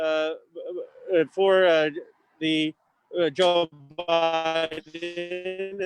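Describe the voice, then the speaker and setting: A man with a fairly high voice speaks over a call line that keeps breaking up and dropping out. He talks while walking to a meeting and keeps asking whether he can be heard. Faint guitar music plays underneath. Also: low-quality recording. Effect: patchy call line breaking up and dropping out. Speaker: politician joining a panel remotely. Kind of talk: panel discussion over a call.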